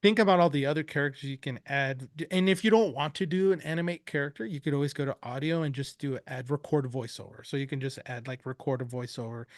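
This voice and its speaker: A man presenting a live software demo, chatty and enthusiastic, rambling with fillers. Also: medium pitch, quick pace, hardly any pauses, no echo, studio quality.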